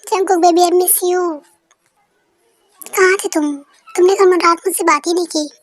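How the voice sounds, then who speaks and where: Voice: extremely high pitch, fairly even intonation, a little slow. A young performer voicing a clingy young girlfriend who coos and makes demands in a fan-dubbed audio story. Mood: cooing. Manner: cooing, demanding.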